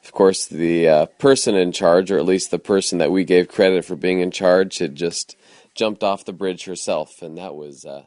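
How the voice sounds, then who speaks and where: A man with a very low voice recalls church trips from his teens, relaxed and loose with fillers. The recording is dry and close. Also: moderate pace, no room sound. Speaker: tribute speaker, former youth group member. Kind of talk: anecdotal tribute.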